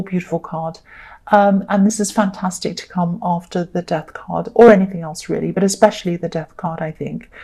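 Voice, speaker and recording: A woman giving a solo tarot reading, talking gently and reassuringly with many ums. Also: medium pitch. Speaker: tarot reader.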